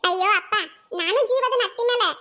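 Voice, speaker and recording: A performer voicing a cheeky, sharp-tongued young village woman in a cartoon comedy, talking with a North Karnataka accent in a rapid, teasing, quarrelsome way. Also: very high-pitched. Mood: teasing, squabbling. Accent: North Karnataka Kannada.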